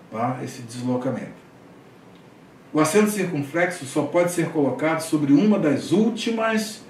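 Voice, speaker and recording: A Greek teacher with a mid-range, darkish voice lectures a class, explaining step by step, often checking in with a "tá?" and restarting hesitantly. He sounds far away in an echoey room, with slight background noise.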